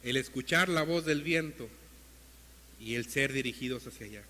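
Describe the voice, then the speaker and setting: A male pastor preaching an earnest sermon to his congregation, calling them brothers, and rising in pitch and force as he exhorts them. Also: normal speed, long reverb tail, slight background noise. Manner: builds to a louder, higher pitch when exhorting.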